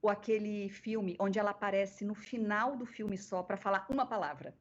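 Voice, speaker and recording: A woman with a Brazilian accent, a guest voice actress on a podcast, telling stories in an animated way. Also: mid-range voice, normal speed. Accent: Brazilian Portuguese. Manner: animated storyteller, acting out quoted voices. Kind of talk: casual interview storytelling. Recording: dull lo-fi podcast audio.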